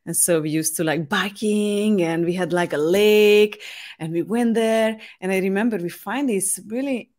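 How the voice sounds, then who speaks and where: A woman's voice: medium pitch, moderate pace, darkish tone. A woman from Hungary hosting a casual chat, speaking hesitantly and searching for words. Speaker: host.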